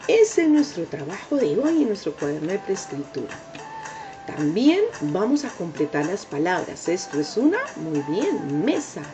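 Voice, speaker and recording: A woman's voice: fairly low pitch, sing-song. A woman teaching young children letter sounds, drawing out each syllable, praising often and coaxing them to repeat. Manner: drawn-out sounds, sing-song praise, coaxing repetition. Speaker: preschool teacher. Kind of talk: slow, exaggerated phonics lesson for young children. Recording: dull lo-fi home recording with soft music.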